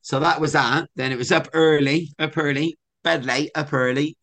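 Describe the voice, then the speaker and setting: This young man from England speaks at a moderate pace in a slightly high voice with some vocal fry. As a podcast co-host, he chats casually and spins stories with a lively, upbeat energy.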